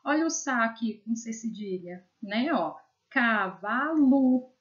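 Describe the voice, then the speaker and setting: A woman with a Brazilian Portuguese accent who works as an educational psychologist gives a video lesson, explaining slides and sounding out words slowly syllable by syllable. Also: fairly high pitch, expressive, fairly bright tone, muffled recording.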